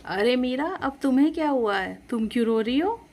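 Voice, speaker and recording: A woman's voice: sits high, animated, moderate pace, darkish tone, voice pushed up. A woman voicing a harried young husband caught between his wife and mother, flustered and making excuses in a storybook tale. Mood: concerned.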